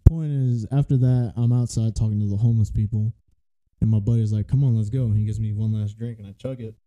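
A man's voice: fairly low pitch, steady tone, fast, mellow, muffled recording. A young man co-hosting a podcast, telling a long rambling story in casual chat. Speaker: podcast co-host.

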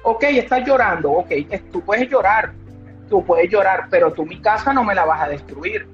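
A woman's voice: mid-range voice, moderate pace. A woman speaking as a guest specialist on child behavior, emphatic, repeating key phrases and giving examples. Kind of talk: explanatory interview talk. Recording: dull lo-fi audio with faint music.

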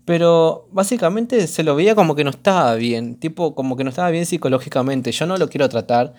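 Hoarse Argentine man rambling casually. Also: on the high side, expressive, a little fast, darkish tone. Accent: Argentine Spanish. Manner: rambling, slangy, many fillers. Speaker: vlogger. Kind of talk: casual commentary vlog.

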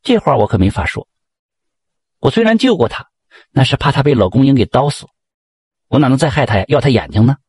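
A man's voice: mid-range voice, sing-song, brisk, pauses often, darkish tone, breathy edge, no room sound. A man voicing a kind-hearted village wife. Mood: gentle.

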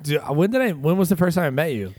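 A man's voice: a little high, lively intonation, quick pace, a little mellow, no echo. A man in casual conversation, joking and swearing freely. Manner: joking, swears, laughs often. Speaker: coffee shop owner. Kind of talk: casual chat.

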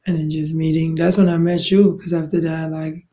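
With a fairly high, warm voice that moves little in pitch, a young Thai guest talks at a moderate pace on a podcast. It's a relaxed conversational interview, and he rambles with frequent fillers and restarts.

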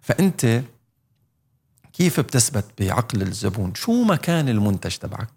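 A man's voice: on the low side, big pitch swings, a little fast, vocal fry, a little mellow, husky. A man chatting casually and animatedly, mixing in English words and laughing often. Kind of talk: casual chat.

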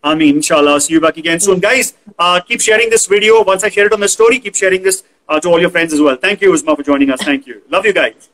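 A man's voice: sits high, fast talker, fairly bright tone, low-quality recording. A man with an Indian accent casually hosting an online talk show, effusive and fond of repeating words for emphasis.

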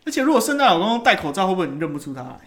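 A man's voice: sits high, big pitch swings, very fast. A man hosting casual comedic banter, teasing crudely and swearing freely. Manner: crude, profanity-laced teasing. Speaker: talk show host.

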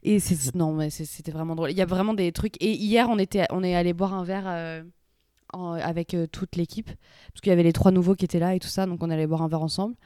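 A young woman chatting casually with a friend, telling lively slangy stories about her coworkers. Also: fairly low pitch, fast, clear, resonant tone, dry recording, clean studio sound. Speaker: office worker. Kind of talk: casual chat between friends.

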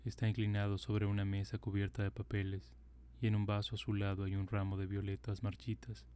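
A man voicing a gentle, sorrowful statue prince in a calm, even storybook reading. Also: fairly low pitch, fairly quick, smooth, close to an everyday voice. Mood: tender.

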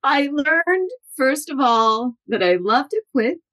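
A woman in her forties, a guest in an interview, telling lively anecdotes and acting out the people she quotes. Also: high voice, slow pace. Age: 40s. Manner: animated, acts out quotes with shifting voices. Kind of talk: storytelling interview.

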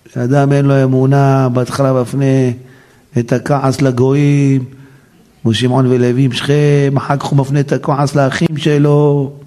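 A man's voice: mid-range voice, little pitch movement, mellow. A man, a rabbi, giving a dramatic sermon and acting out the figures he quotes.

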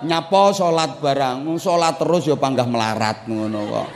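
A sly, mocking male devil, put on by a preacher coaxes people out of their prayers. The tone is scoffing and dropped low. It echoes with a long reverb through a hall, with a faint hum of ambient noise behind. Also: normal speed, natural voice.

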